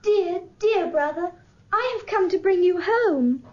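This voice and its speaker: A woman's voice: very high-pitched, expressive, a little slow. A woman voicing an eager, loving young girl who speaks breathlessly and affectionately. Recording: dull lo-fi recording.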